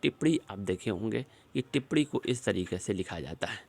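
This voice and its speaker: A man with a lowish, expressive voice and some vocal fry teaches an exam-prep lesson. He works through spelling questions on a screen, slowly repeating each word as he explains it.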